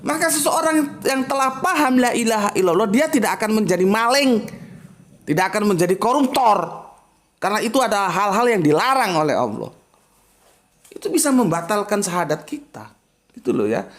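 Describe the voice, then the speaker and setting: A man's voice: high-pitched, sing-song, normal speed. A man giving a casual religious lesson, emphatic and full of rhetorical questions and spoken examples. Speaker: Islamic teacher.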